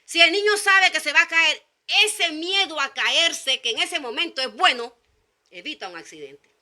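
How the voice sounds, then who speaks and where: A woman gives a sermon in a high, very bright voice. She presses her points by repeating phrases. Now and then she acts out short quoted exchanges. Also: animated, moderate pace. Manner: emphatic repetition, acts out quoted dialogue. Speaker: preacher.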